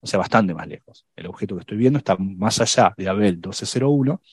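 Low-voiced man explaining science, dry sound. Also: lively intonation, fast, a little mellow, slightly rough, no room sound. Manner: thinks aloud with many fillers and restarts. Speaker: science podcast panelist. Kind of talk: casual explanatory chat.

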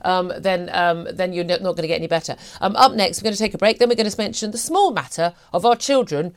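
A woman's voice: lowish voice, fast talker. A woman hosting a breakfast radio talk show, arguing her views forthrightly with frequent restarts. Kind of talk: opinionated talk radio discussion. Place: radio studio.

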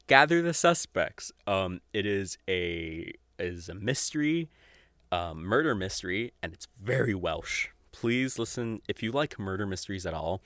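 Low-pitched and animated, a little slow, this twenties podcast host offers casual, unscripted recommendations, swearing somewhat and laughing often. The studio-quality recording is dry, his tone fairly bright.

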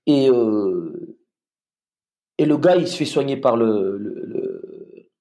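A man, a former soldier, recounting his experience in a casual conversation, halting with restarts and fillers. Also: mid-range voice, lively intonation, warm tone. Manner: halting, many restarts and fillers, vivid retelling.

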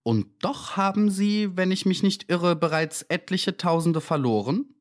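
A man voicing a calm, uncanny male visitor who speaks in measured, coolly accusing tones in an audiobook reading. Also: high-pitched, pitched above the performer's own voice.

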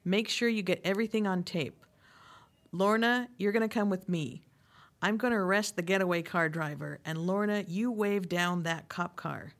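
A woman playing a bossy police officer in a sitcom radio play, giving brisk orders. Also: fairly low pitch, lightly acted. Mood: commanding.

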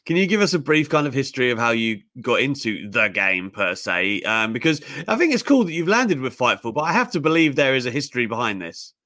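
Male podcast host, animated and teasing, sharp clear tone, slightly higher voice. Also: a little fast, hardly any pauses, no echo, clean studio sound. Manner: lively, teasing. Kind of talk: casual chat.

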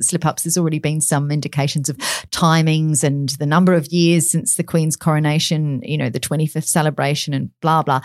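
Low-voiced chatty woman commentator. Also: dry recording, studio quality. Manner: chatty, frequent fillers and restarts. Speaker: royal commentator. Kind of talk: casual radio chat.

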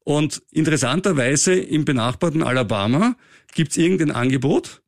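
A man's voice: a little high, expressive, moderate pace, creaky, no echo, studio quality. A middle-aged man with an Austrian accent, co-hosting a finance podcast in casual, joking, ranting chat. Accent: Austrian German.

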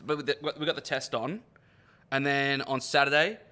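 An Australian man co-hosting a sports podcast in loud, matey lad banter, blokey, sweary and rambling. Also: mid-range voice, steady tone, normal speed, clear, resonant tone.

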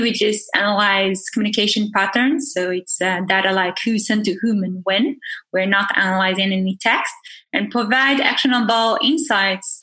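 A woman's voice: mid-range voice, sharp tone. A woman, a startup founder answering interview questions in an earnest way, often restarting her sentences. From Israel. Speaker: startup founder and CEO, podcast guest.

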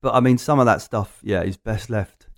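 A man's voice: on the low side, moderate pace. A man with an Essex accent telling anecdotes in a casual chat, in a rambling, jokey way. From Essex, England. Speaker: podcast guest.

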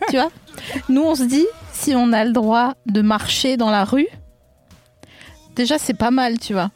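A woman's voice: fairly high pitch, unhurried, long pauses, darkish tone, soft background music. A woman from Alsace hosting a podcast, chatting casually and teasing her guest, laughing often. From Alsace, France. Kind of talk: casual chat.

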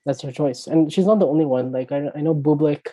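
Mellow-voiced man in relaxed tennis chat. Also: a little high, brisk, no room sound, rough recording. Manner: thoughtful, trailing off softly. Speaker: podcast co-host.

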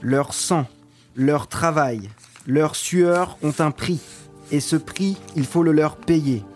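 Man acting a solemn, indignant missionary priest, higher-pitched. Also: slow pace, darkish tone, faint music behind. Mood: solemn insistence. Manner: solemn, declamatory. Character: indignant seventeenth-century missionary priest condemning slavery. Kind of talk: dramatic reading of historical religious writings.

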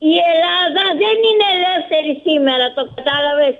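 A woman phones in to a talk show and holds forth without letting up. Her voice sits very high, and the line is thin and phone-like. She keeps repeating her points and talks over the host. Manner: insistent, repeats slogans, interrupts. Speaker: caller. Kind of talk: phone-in rant.

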